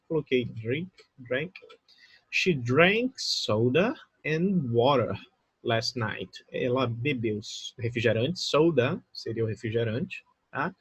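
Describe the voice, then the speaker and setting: A man's voice: medium pitch, fairly bright tone, breathy edge, no echo. A man whose first language is Portuguese, from Brazil, teaching a recorded English lesson. He explains patiently and keeps checking that the students follow.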